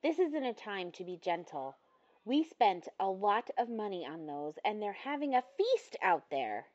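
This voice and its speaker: A woman's voice: medium pitch, big pitch swings, moderate pace, a little mellow, highs cut off. A woman voicing a fussy, doting mother who calls out from another room. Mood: bossy. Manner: nagging, doting. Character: fussy doting middle-aged mother calling from afar.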